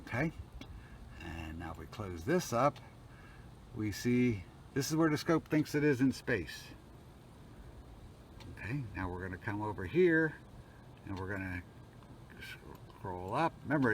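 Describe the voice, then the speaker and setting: A hobbyist demonstrates his homemade telescope automation setup in an informal technical demo, explaining each step in a plain-spoken way. His voice is on the low side, sing-song and a little slow, with frequent pauses. The homemade video carries noticeable background noise.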